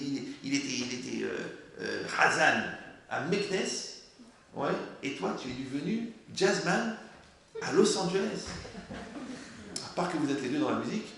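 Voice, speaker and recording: A man giving a religious class, animated and humorous, asking his listeners rhetorical questions. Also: high-pitched. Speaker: Torah teacher. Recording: very echoey room, faint noise.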